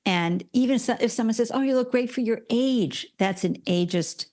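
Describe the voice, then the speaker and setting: A woman's voice: a little high, moderate pace, darkish tone. A woman in her sixties, a podcast guest telling stories animatedly and acting out quoted voices. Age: 60s. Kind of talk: conversational interview.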